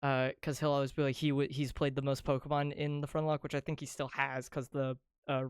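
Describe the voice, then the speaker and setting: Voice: medium pitch, level tone, a little fast, smooth, no room sound, clean studio sound. A host of a streamed talk show chatting casually, often laughing and restarting sentences. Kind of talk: casual chat.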